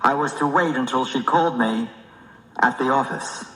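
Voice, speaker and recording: A man acts as a husband explaining himself as a witness in a radio mystery. The voice is sharp and forward, at a middling pitch, with a strong echo from the hall. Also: normal speed, natural voice. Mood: earnest explaining. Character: husband giving his account as a mystery witness. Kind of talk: amateur old-time radio mystery acting. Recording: echoey playback in a hall.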